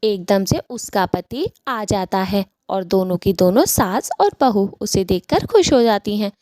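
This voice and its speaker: A woman narrating a cartoon story in a plain, steady storytelling manner. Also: mid-range voice, unhurried, no room sound, clean studio sound.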